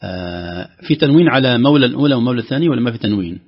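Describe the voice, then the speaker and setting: Male tajweed teacher, mid-low husky voice, slow deliberate recitation demos, muffled lo-fi audio. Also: animated. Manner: slow, emphatic demonstration of recitation. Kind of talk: tajweed lesson with call-in students.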